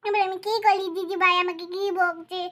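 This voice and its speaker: A woman voicing a sleepy little boy in a doll cartoon, mumbling softly and whining. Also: very high voice, steady tone, a little fast. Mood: whiny. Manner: soft, whiny, mumbling.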